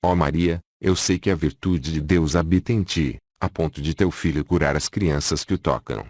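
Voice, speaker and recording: Grieving mother imploring mercy, read by a man with a very deep, dry voice. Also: moderate pace, darkish tone, dry recording. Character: grieving mother begging for her dying child.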